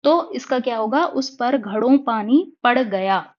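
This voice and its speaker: A woman's voice: on the high side, animated. Patient woman tutoring Hindi exam grammar. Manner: patient, repeats each corrected sentence slowly. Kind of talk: explanatory exam-prep lesson. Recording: dull lo-fi recording.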